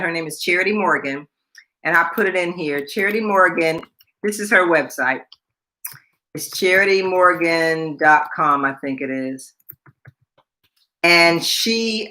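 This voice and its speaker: A woman in her sixties hosts a casual live stream, her medium-pitched voice bright and forceful. She chats, repeats herself and reads viewer comments aloud.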